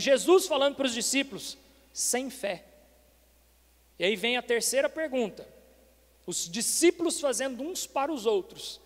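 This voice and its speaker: A man's voice: very high voice, in a large hall. A man preaching a sermon as pastor, asking rhetorical questions and calling the congregation brothers. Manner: preaching with rhetorical questions, repeatedly addressing "irmãos". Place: church hall.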